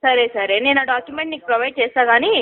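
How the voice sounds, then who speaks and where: A woman's voice: high-pitched, rapid-fire. A woman working as a loan recovery agent, scolding and demanding payment in a heated phone argument. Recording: tinny phone line.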